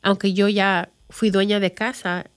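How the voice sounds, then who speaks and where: A Chicago real estate agent, a native English speaker with an American accent, gives viewers an informal, conversational explainer while mixing in English words and phrases. Her mid-range voice is clear and resonant, with a level tone and a slightly slow pace.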